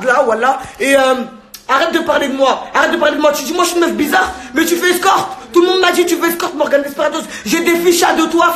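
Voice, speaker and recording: Woman w a hoarse high voice yelling insults on a phone live, laughing at her target, bit of background hiss. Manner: insulting, threatening, laughing between jabs. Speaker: livestreamer. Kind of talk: angry live-stream rant.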